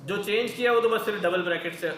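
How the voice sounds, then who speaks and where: In a high, fairly bright voice and at a quick pace, a male coding teacher chats his way through a lecture, posing questions he answers himself and addressing everyone as "brother." The recording is reverberant and low quality.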